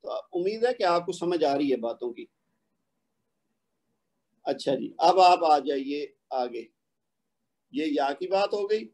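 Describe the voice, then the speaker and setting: Patient Pakistani male tutor, fairly high and mellow, explains and then slowly recites examples for students to repeat. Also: expressive. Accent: Pakistani Urdu. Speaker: Quran recitation teacher. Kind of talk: online tajweed lesson.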